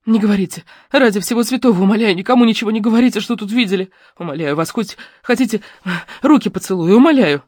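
A woman's voice: medium pitch, animated, quick pace, hardly any pauses, darkish tone, dry recording, studio quality, voice pushed up, lightly acted. A woman voicing a terrified young village girl who is crying and pleading desperately.

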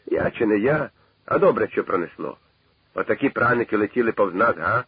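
A jovial mustached soldier who jokes his way through danger, as a male reader puts him on. The voice is low and a bit husky, and it comes through the tinny, narrow sound of an old radio broadcast. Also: animated, brisk, no echo, exaggerated voice. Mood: wry. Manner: wry, joking.

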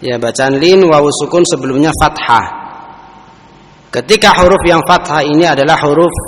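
A man teaching Quran recitation rules, explaining each point and then chanting example phrases slowly for students to repeat. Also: a little high. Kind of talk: tajwid lesson with recited examples. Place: large mosque hall. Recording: echoey mosque hall sound.

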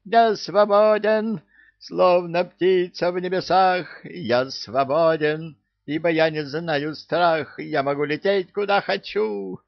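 A man voicing a loud, hysterical male parrot who squawks, gossips and brandishes threats. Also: a little high, lively intonation, unhurried, no echo, dull audio, voice pushed up. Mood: exultant.

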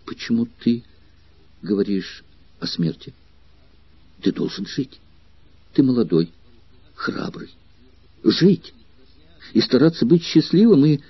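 A man voicing a trembling, sorrowful young woman in a hushed, breathy, near-whispered way. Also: mid-range voice, big pitch swings, takes it slowly, long pauses, no echo, lo-fi sound, exaggerated voice. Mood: anxious.

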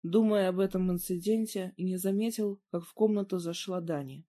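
A reader narrating a first-person story in a subdued, even way. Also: mid-range voice, fairly quick.

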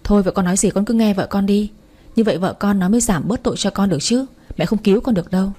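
A woman voicing a sharp-tongued older mother-in-law in a story reading, quick and mocking. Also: medium pitch, natural voice.

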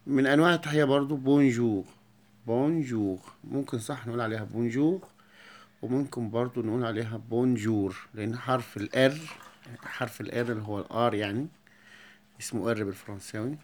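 A man with an Egyptian Arabic accent explaining a beginner lesson, repeating each word slowly and clearly for his pupils. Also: mid-range voice, fairly even intonation. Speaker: French teacher.

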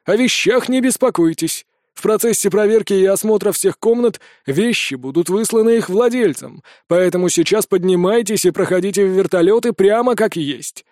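A man voicing a middle-aged male school director who speaks deliberately and with authority. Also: high-pitched, a little mellow, no echo, clean studio sound, natural voice. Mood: commanding.

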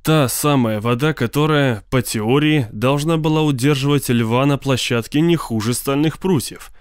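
A man narrating an audiobook in a steady, dramatic storytelling manner. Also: medium pitch, moderate pace, clear, resonant tone, no room sound, studio quality. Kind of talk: audiobook reading.

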